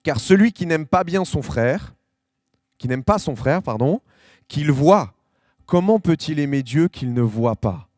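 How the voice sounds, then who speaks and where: A man preaching a sermon, talking to the congregation as tu and slowing to lean on each quoted verse. His voice sits on the high side for a man. The sound is dry and close, with little room echo. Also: animated, a little mellow. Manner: conversational preaching, addresses listeners with tu, frequent restarts; slows and stresses scripture quotes. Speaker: pastor. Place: church hall.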